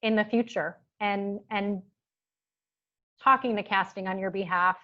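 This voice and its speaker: A woman's voice: medium pitch, fairly even intonation, a little slow. A woman speaking sincerely as a talent agent in a town hall on a video call. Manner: sincere, reassuring. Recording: dull lo-fi video call audio.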